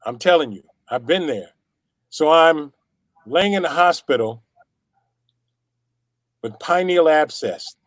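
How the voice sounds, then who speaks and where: An animated middle-aged man tells his story in a fairly high voice. He circles back on phrases for emphasis and acts out the voices of the people in it. The sound is close and dry, with no room in it. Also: slow, pauses often, no room sound. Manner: acts out quoted dialogue. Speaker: testimonial guest. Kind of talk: personal storytelling.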